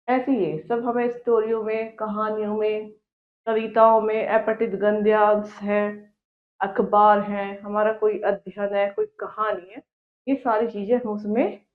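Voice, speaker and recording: Woman teacher, fairly high voice, poses questions and answers them herself, echoey phone-quality sound. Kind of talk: classroom grammar lesson. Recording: echoey tinny phone-like recording.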